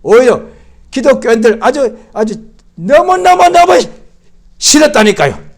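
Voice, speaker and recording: Lively high-voiced man preaching. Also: a little slow. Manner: animated, swinging from loud outbursts to hushed speech. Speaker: pastor. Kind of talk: Christmas sermon. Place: church service.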